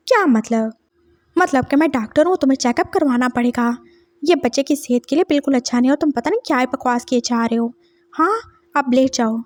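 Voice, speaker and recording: A woman's voice: high-pitched, darkish tone, no room sound, studio quality, close to an everyday voice. A woman voicing a young male doctor who is doting yet bossy, coaxing and insistent in a fan story.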